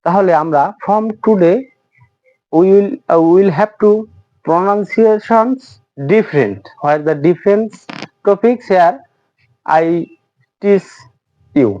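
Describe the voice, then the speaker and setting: A man whose first language is Bengali, teaching English letter sounds in a slow lesson, spelling them out one by one. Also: sits high, dark tone, no echo. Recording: dull lo-fi audio.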